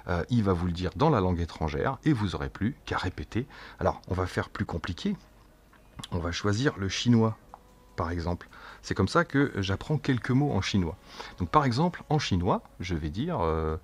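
A man hosting a casual gadget demo in a low, slightly husky voice. He is chatty and jokey, and he slows down to speak his test phrases clearly. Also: big pitch swings. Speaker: tech reviewer demonstrating a translator device.

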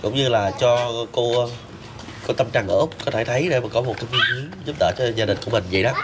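A man hosting a casual interview, speaking haltingly with fillers. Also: medium pitch, very noisy. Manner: brief prompting replies, halting fillers. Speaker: host.

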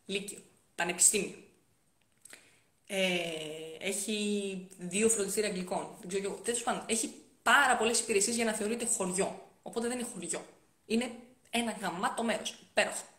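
Chatty young woman live-streaming. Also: mid-range voice. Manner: chatty, reads comments aloud and answers them, with frequent soft-spoken asides. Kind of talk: casual live-stream chat answering viewer comments. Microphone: phone. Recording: roomy phone audio.

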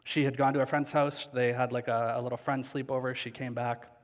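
A man in his thirties preaching a sermon on a large church stage with a headset mic, earnest and slowing down on key phrases. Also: mid-range voice, little pitch movement. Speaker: pastor. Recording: long hall reverb.

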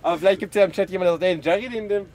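Driving his guests through a city in a van, a livestream host chats and teases in a casual, joking way. He has a high-sitting voice and races along, with a crowd audible in the background on top of the road noise of the moving vehicle.

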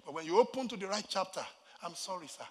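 A Nigerian man preaching a sermon as pastor, swinging from quiet asides to shouted, sing-song lines. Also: sits high, expressive, fast talker, breathy edge, long reverb tail.

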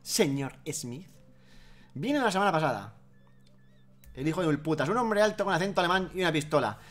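A man's voice: a little high, lively intonation, fairly quick, a bit bright, faint music behind. A man from reading out a pompous, suspicious male temple keeper from a video game. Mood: haughty. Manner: reads game dialogue aloud half-acted.

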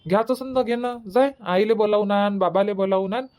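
A man's voice: high voice, fairly quick, darkish tone, clear, resonant tone, natural voice. A man voicing a village fruit seller in a cartoon, calling out his wares in a sing-song. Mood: friendly.

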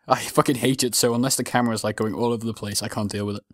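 A man's voice: mid-range voice, steady tone, very fast, dry recording. A young man co-hosting a podcast, giving blunt, sarcastic opinions on wrestling and swearing often. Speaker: podcast co-host. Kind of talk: casual wrestling recap chat.

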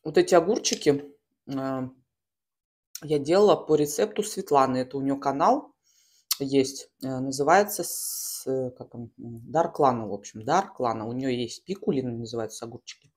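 A woman's voice: very deep voice, lively intonation, darkish tone, slightly rough. Woman chatting mid-mukbang, chewing between phrases. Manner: talks while chewing and smacking, with pauses between bites; colloquial, slangy. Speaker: mukbang host. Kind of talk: casual mukbang chat while eating. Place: small room at home, at a table.

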